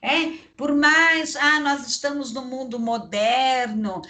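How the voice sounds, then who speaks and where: Lady teaching online, slow and unhurried, bright voice, keeps asking the class right. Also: high voice, fairly even intonation. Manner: chatty, digressive, tag questions. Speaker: psychology lecturer.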